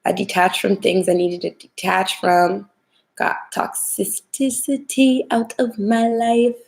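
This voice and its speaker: Young female livestream host, smoky whiskey voice with heavy fry, getting over a cold, informal direct chat. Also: medium pitch, flat delivery, takes it slowly. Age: young adult. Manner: chatty, informal, addressing viewers directly. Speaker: tarot reader hosting a livestream. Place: home kitchen, indoors.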